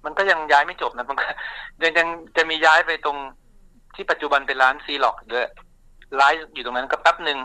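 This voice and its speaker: A man speaking as an interview guest, recounting his family shop's story in a relaxed, chatty way with many fillers and restarts. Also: fairly high pitch, brisk, no echo, poor audio.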